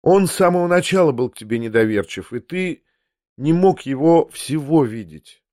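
A man reading as a quiet, proud young woman. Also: fairly high pitch, expressive, normal speed, dry recording, studio quality, lightly acted. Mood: quiet, sad. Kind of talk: audiobook character voice.

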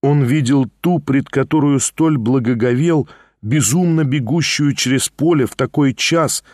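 A man narrating a classic novel as an audiobook in a steady, measured way. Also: medium pitch, no echo, clean studio sound.

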